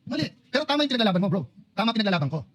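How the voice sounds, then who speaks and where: A man's voice: high voice, sing-song, rapid-fire, a bit bright. A man speaking in a senate debate, argumentative and insistent.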